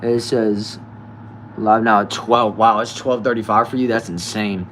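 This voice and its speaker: A nineteen-year-old man reading viewer comments aloud in a relaxed, chatty live stream, often trailing off quietly. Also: lowish voice, unhurried, slight background noise. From United States. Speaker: livestreamer.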